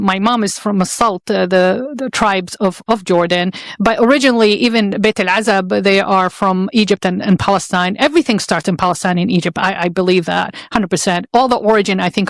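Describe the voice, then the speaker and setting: A woman podcast host with a mid-range voice chats in a casual interview, earnest, rambling, and heartfelt. The recording is dry and close.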